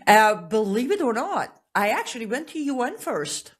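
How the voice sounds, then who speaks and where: A woman from Iran, a guest author, giving measured, earnest answers in an interview. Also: on the high side, big pitch swings, husky. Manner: measured, earnest personal account.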